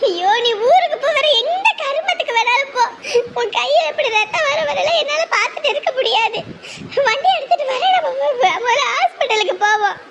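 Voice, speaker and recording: A woman's voice: very high-pitched, lively intonation, normal speed, a bit bright, slight background noise, full character voice. A woman voicing a thrifty village mother who laments and scolds in broad rural speech. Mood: pleading.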